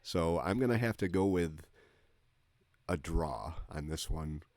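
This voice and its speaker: A man with a very deep voice talks through a strategy game he is playing. He is casual and low-key, thinking aloud, and the sound is close and dry. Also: expressive, measured pace, a little mellow, dry recording. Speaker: gamer commentating on his own play. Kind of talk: casual gameplay commentary.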